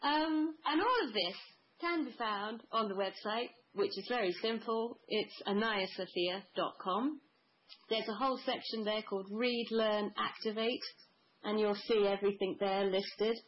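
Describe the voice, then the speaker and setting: A woman's voice: medium pitch, moderate pace, lo-fi sound, slight background noise. A woman guest in a spiritual conversation, speaking in a flowing, mystical way, piling up long lists.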